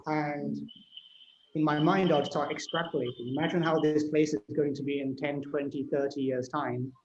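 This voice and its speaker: A man's voice: on the high side, moderate pace. British-raised man hosting, echoey dull line. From United Kingdom. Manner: animated, storytelling, frequent "you know" and "right?". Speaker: fintech CEO interviewing a guest. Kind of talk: conversational panel discussion.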